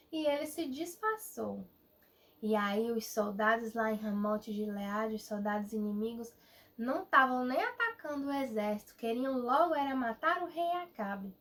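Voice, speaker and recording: A young woman with a fairly high voice tells a Bible story to children, animated and speaking right to them. She sounds somewhat far from the microphone. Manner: animated, addresses children directly. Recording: voice a bit far from the mic.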